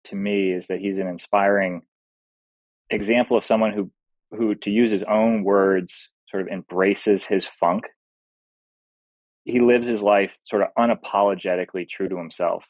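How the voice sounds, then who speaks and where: A man's voice: deep voice, darkish tone, no room sound, rough recording. A man speaking as a podcast guest, explaining things in a casual, thoughtful way and often restarting phrases.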